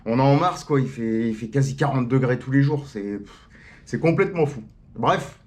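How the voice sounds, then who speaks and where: A man's voice: mid-range voice, animated, normal speed, darkish tone. A young man chatting casually outdoors as a vlogger answering viewer questions, slangy and full of fillers and restarts. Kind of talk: casual chat. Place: sitting outdoors on a chair.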